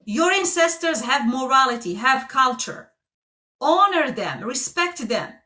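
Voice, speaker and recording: A woman's voice: high voice, sing-song, unhurried, sharp tone. A woman from Algeria, hosting a heated live debate in a pointed, insistent manner that cuts in often. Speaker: debate stream host.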